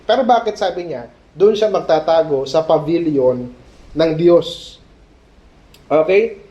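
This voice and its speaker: A male pastor preaching a sermon at a prayer meeting, animated, mixing Tagalog and English and checking in with "Okay?". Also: a little high, slow. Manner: mixes Tagalog and English mid-sentence. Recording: dull lo-fi sermon recording.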